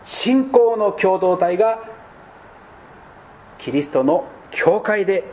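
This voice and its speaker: A man preaching a sermon as pastor, speaking deliberately and dropping to soft, low tones at key points. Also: animated, a little hiss or hum.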